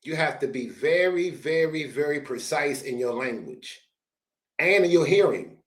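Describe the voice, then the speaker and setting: A man gives animated, slangy reaction commentary, lecturing in loud bursts. His voice sits fairly high for a man. The recording has a roomy echo around it. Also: unhurried. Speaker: show host reacting to a dating clip.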